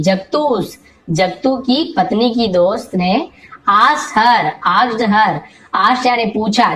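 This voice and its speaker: A woman teaching English reading in Hindi, reading each English phrase slowly and then explaining it word by word, often asking and answering her own questions. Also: mid-range voice, poor audio. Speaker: English tutor.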